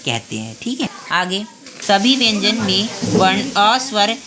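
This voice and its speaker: A woman teaching a grammar class online, explaining step by step and pausing to check the class is following. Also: mid-range voice, big pitch swings, fairly bright tone, slight background noise. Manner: spells out sounds slowly, one by one.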